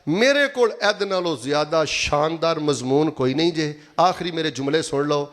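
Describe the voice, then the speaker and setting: A man's voice: fairly high pitch, moderate pace. A man with a Pakistani Punjabi accent preaching a sermon, emphatic and repetitive, prompting the congregation to answer aloud.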